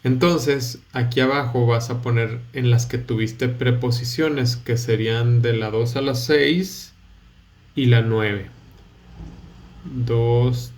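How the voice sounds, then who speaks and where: A man, a teacher with a Mexican Spanish accent, patiently explaining a study-guide lesson and pausing with fillers. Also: medium pitch, darkish tone.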